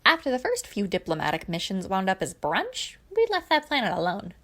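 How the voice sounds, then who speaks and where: A woman voices a chatty older alien man from an animated space adventure, chirpy and exclamatory as he rambles with cheerful, nostalgic enthusiasm. The performance is heavily acted, brisk and mid-range, with a chatty, curious mood.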